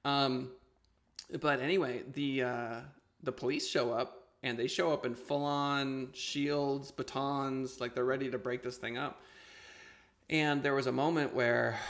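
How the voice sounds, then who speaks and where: Casual male host with a creaky voice. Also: mid-range voice, fairly even intonation, unhurried, fairly bright tone. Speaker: interview show host. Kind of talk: casual conversational storytelling and hosting.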